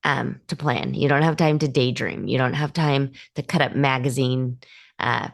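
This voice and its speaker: Podcast host, woman, low voice with some vocal fry, chatty motivational coaching, lots of ums. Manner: chatty, encouraging, with many ums and restarts. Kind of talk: casual motivational talk to listeners.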